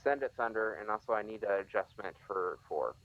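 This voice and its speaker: A man working as a ground fire controller, making calm, procedural calls for fire over radio comms. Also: fairly low pitch, brisk, narrow, tinny audio. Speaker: ground fire controller in a military simulation game. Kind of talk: military radio chatter.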